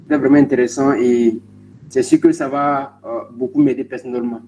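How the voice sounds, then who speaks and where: A man's voice: medium pitch, steady tone, fairly quick, dark tone. A man in a group video call politely asking the coach a question, hesitant with many fillers. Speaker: coaching participant. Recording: dull call audio with faint noise.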